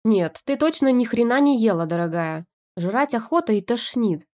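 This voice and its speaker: A gruff, sarcastic husband trapped in his wife's body, as a woman reads him in an audiobook. He talks bluntly and loudly, with a mocking edge. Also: fairly high pitch, expressive, normal speed, lightly acted.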